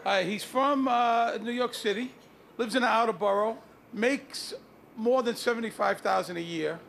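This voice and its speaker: A man doing a comedy bit, making cocky deadpan judgments about strangers and quizzing them on the street. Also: very high voice, moderate pace, creaky, soft background music. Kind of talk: comic street interviews.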